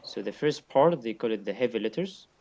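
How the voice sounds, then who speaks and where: A man's voice: medium pitch, animated, brisk, mellow. Patient male teacher, muffled lo-fi sound. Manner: patient, repeats points and demonstrates sounds aloud. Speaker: Quran recitation teacher. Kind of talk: online one-on-one lesson.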